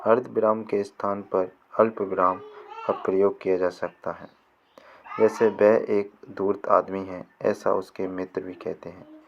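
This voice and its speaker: A man reading a grammar lesson aloud in a measured way, going through definitions and examples one at a time. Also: low voice, flat delivery, vocal fry. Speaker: teacher. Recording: muffled lo-fi with faint hiss.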